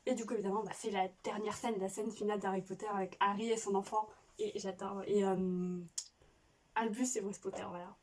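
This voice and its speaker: A woman's voice: medium pitch, flat delivery, brisk, darkish tone. A woman YouTuber chatting casually as she plays a quiz game, rambling and restarting her sentences. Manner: chatty, rambling, self-justifying with frequent restarts. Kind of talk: casual reaction chat. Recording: voice a bit distant from mic with faint noise.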